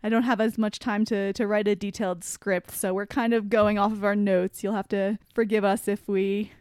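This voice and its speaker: A woman hosts a podcast in a casual, conversational style. She is a fast talker with a mid-pitched voice, recorded dry without room echo. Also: level tone, a little mellow, smooth. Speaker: podcast host. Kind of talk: casual chat and narration from notes.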